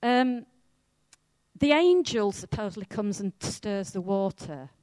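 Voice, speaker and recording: A woman from Wales with a Welsh accent, preaching a sermon in a chatty, self-mocking and lively way. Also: medium pitch, slow pace, clean tone, no room sound.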